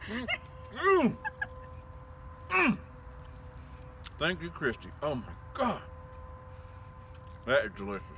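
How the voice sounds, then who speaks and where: A man hosting a food taste-test show, talking in a hearty, folksy way with his mouth full and savoring each bite with long drawn-out mms. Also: on the high side, huge pitch swings, bright, forceful tone, a little hiss or hum. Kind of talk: casual food-tasting vlog chat.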